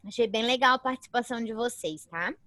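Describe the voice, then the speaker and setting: A woman's voice: fairly high pitch, fast, sharp tone, slight background noise. A woman teacher with a Brazilian accent leads an online class in a chatty way, often tagging her sentences with a questioning "né?". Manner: chatty, tags sentences with "né?", calls herself "a professora".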